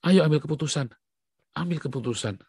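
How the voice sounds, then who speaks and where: A man preaching a sermon in an emphatic, conversational way, swinging between loud exhortation and hushed tones. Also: fairly high pitch, a little fast, slightly rough, no room sound, studio quality. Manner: conversational, uses casual slang.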